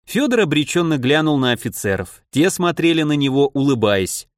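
Man narrating an audiobook, expressive. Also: a little high, moderate pace, no echo, clean studio sound.

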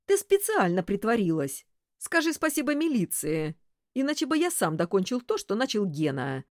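A woman's voice: lowish voice, expressive, slow pace, darkish tone, no room sound, studio quality. A woman voicing a lanky, ill-tempered male detective who grumbles indignantly. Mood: angry.

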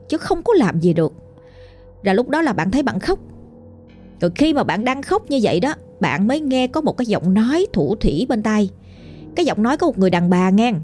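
Woman, Southern Vietnamese accent, ghost story narrator, warm mellow voice, faint music behind. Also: mid-range voice. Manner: chatty, colloquial, addressing the listener directly.

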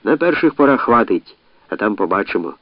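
A man voicing a hot-headed former prisoner who gives a shrill, squeaky, impassioned speech to a crowd. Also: sing-song, a little fast, dry recording, muffled recording. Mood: impassioned shouting. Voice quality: squeaky, mouse-like. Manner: shouting, impassioned.

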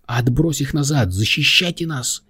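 A man voicing a feisty, commanding young woman who shouts orders in an audiobook. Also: lively intonation, normal speed, slightly rough. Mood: bossy. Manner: shrill, bossy.

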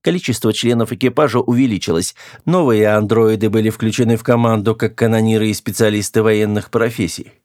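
A man's voice: on the low side, fairly even intonation, brisk, few pauses, darkish tone, no room sound. Man narrating an audiobook, dry close sound. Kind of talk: scripted narration.

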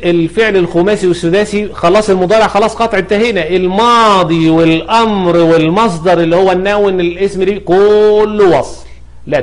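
A middle-aged Egyptian-accented man teaching grammar, his voice sitting a little higher than most men's. He works through example words one after another. He poses questions to himself and answers them. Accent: Egyptian Arabic. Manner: explains by repeating examples, asking and answering his own questions. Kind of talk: spoken grammar lesson.

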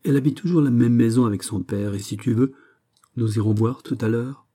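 A man's voice: medium pitch, a little fast, warm tone, close to an everyday voice. A man voicing a jovial older family friend who greets a returning guest heartily, in an exclaiming manner. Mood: cheerful.

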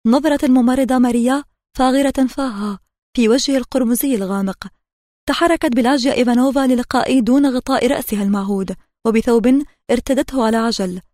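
Woman reading a novel aloud, mellow and dry. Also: on the high side, no echo. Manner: measured, steady reading. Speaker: audiobook narrator. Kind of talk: audiobook narration.

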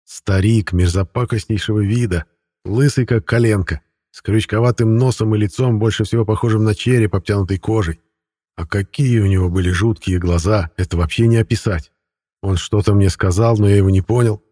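Low, husky male audiobook narrator. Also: dark tone, no room sound, clean studio sound. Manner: wry, conversational first-person storytelling. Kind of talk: first-person fantasy audiobook narration.

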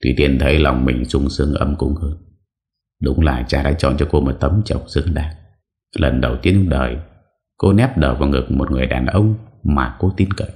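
A man narrating a story as an audiobook reader, steady and dramatic. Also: very deep voice.

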